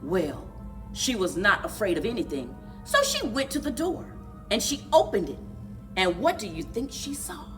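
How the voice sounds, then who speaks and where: With faint music behind her, a medium-pitched woman reads aloud as a library story time host. Her children's narration is deliberate, dramatic, and expressive, sprinkled with playful sound words.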